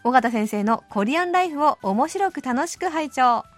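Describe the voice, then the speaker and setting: A woman in her late thirties hosting a radio show, reading listener letters and answering them in a cheerful, animated chat. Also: sits high, moderate pace, soft background music. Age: late 30s. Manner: cheerful, animated, laughing often. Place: radio studio.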